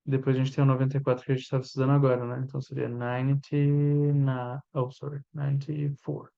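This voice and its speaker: A Brazilian man in his thirties with a Brazilian Portuguese accent, an English teacher giving a chatty lesson and drilling pronunciation with slow repeats. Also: mid-range voice, little pitch movement, creaky, lo-fi sound. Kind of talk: informal language lesson.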